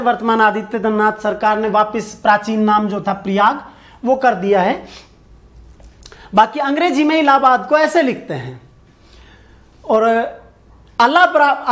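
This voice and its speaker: A man's voice: very high voice, a bit bright. A male teacher giving an online exam-prep lecture. He poses questions, answers them himself and repeats key points for his viewers. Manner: addresses viewers directly, asking for answers in the comments.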